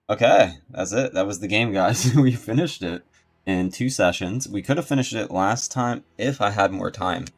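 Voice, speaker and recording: A man with a lowish, slightly slow voice rambles and thinks aloud while giving casual livestream commentary on a game. He's a video game streamer and host, with game music playing behind him.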